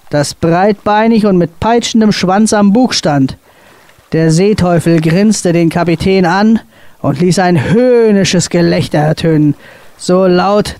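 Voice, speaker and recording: A woman author reading a dramatic sea story aloud on a radio show, expressive and building tension. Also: fairly low pitch, no echo. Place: radio studio.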